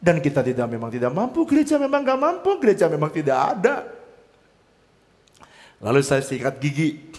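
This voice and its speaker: A man preaching a sermon as pastor, telling his story with swings between loud and soft delivery. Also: a little high, wildly swooping pitch, moderate pace, pauses often. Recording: long hall reverb.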